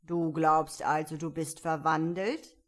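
A woman voicing a curt, contrary caterpillar in a storybook reading, speaking slowly and bluntly. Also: deep voice, steady tone. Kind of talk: audiobook character voice.

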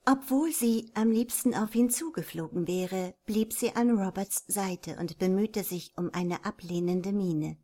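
Woman narrating a romance audiobook. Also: medium pitch. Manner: even, measured storytelling.

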